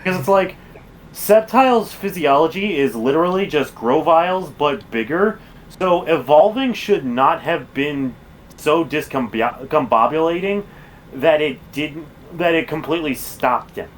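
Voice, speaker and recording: A man's voice: fairly high pitch, animated, measured pace, a little hiss or hum. A man streaming a game, chatting casually and rambling with lots of fillers and self-corrections. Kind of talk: casual chat while gaming.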